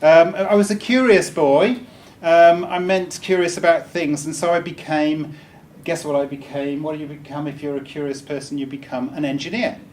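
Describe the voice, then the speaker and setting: Speaking at a moderate pace in a slightly high voice, a man from Wales jokes and chats his way through a live talk, stumbling into ums and restarts. The meeting room setting comes through a distant mic with a little room noise.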